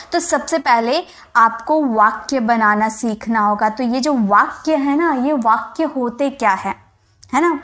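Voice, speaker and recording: High-voiced woman teaching English slowly. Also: a bit bright. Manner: explains patiently, repeats examples slowly. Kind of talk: spoken English lesson in Hindi.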